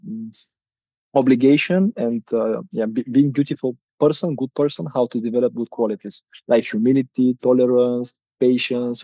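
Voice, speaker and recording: A Bulgarian-accented man in his thirties speaks hesitant, non-native English with a soft, mellow tone. The sound is dry and a little dull, like a lo-fi recording. His pitch sits in an ordinary middle range. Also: no room sound. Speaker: guest, coach. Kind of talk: casual interview talk.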